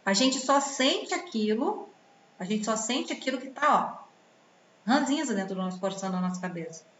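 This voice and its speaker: A woman's voice: a little high, normal speed. A woman giving relationship advice in a commented reading, full of rhetorical questions and acted-out quotes. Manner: expressive, rhetorical questions, acts out quoted voices. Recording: roomy, slightly dull sound with faint background noise.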